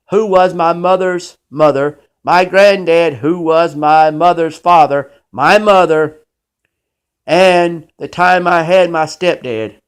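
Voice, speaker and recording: Preachy man, slightly high voice. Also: clear, resonant tone. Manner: preachy, emphatic, scolding. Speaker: show host. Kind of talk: impassioned faith monologue.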